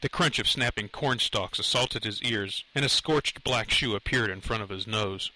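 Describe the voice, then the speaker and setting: A man reading a thriller aloud with a crisp, bright tone and tense drive. His delivery is dramatic, often jumping upward in pitch on tense moments. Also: moderate pace, rough recording. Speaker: narrator. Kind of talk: audiobook narration of a thriller.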